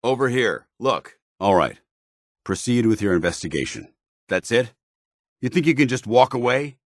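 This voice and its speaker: An actor playing a stern, duty-bound paladin soldier in a video game, gruff, commanding and formal in his military phrasing. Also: mid-range voice, very animated, normal speed, no echo, studio quality. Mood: indignant. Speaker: military companion character.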